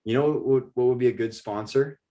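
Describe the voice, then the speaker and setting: A man's voice: mid-range voice, a little fast. A young man co-hosting a sports podcast in casual chat, joking and getting worked up. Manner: joking, animated and exasperated. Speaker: podcast co-host. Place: in Ireland.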